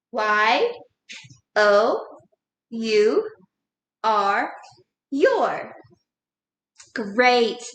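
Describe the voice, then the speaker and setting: Woman primary teacher, slow patient delivery, spells words aloud; roomy sound. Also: high-pitched, sharp tone. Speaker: second grade teacher. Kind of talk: recorded classroom lesson.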